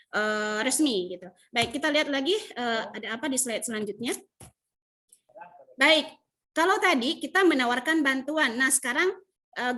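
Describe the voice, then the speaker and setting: An Indonesian woman with a high-sitting voice teaches English in an online class, heard through a video call microphone. She explains in Indonesian and models English phrases with lively intonation.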